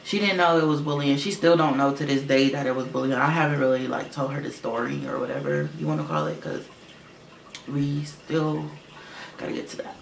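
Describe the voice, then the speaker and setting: Speaking a little fast with vocal fry, a young man rambles through a casual storytime video to camera, cursing and filling gaps with fillers. He calls his voice low for a boy, saying it sounds like a girl's. There's roomy echo from his room at home and a faint fish tank filter hum.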